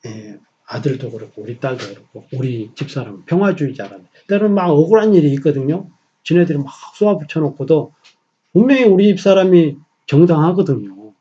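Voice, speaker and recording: Animated male pastor, loud then hushed. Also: mid-range voice, muffled recording, slight background noise. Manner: animated, swings between loud emphasis and soft near-whispers. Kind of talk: Sunday sermon. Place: small church.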